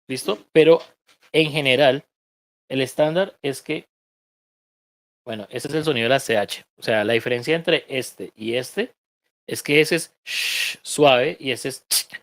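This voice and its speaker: A man's voice: a little high, lively intonation, moderate pace, fairly bright tone, no room sound. A man with a Colombian accent teaching an online English reading class, explaining pronunciation patiently with joking asides.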